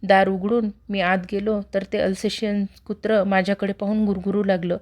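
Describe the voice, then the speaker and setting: A woman reading a horror story aloud in a steady, measured narrating voice. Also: medium pitch. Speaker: story reader.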